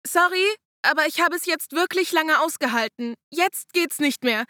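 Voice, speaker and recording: A woman voicing a cheerful, impatient young woman who talks in a hurried, apologetic way. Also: sits high, sharp tone, dry recording, clean studio sound, pitched above the performer's own voice. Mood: apologetic urgency.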